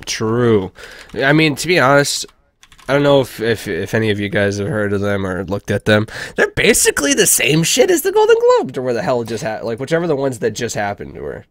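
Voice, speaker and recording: A man co-hosting a casual podcast, dry and joking, with halting restarts. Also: lowish voice, no echo. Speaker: podcast co-host. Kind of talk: casual chat.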